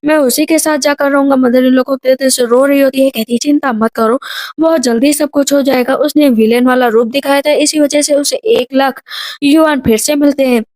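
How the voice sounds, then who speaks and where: A woman narrating a drama plot recap, quickly voicing each character's lines as she goes. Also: high voice, steady tone, darkish tone, no echo.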